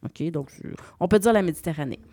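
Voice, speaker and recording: A woman with a Québécois French accent presents a radio travel column, explaining destinations and spelling out names. Her voice is on the low side and mellow, she talks fast, and there's no echo.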